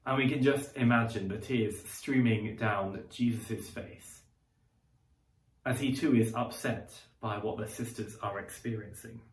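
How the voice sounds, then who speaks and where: A man giving a sermon, speaking in a conversational, reflective way with pauses and fillers, in a church. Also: on the low side. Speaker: preacher. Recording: roomy echo, distant mic.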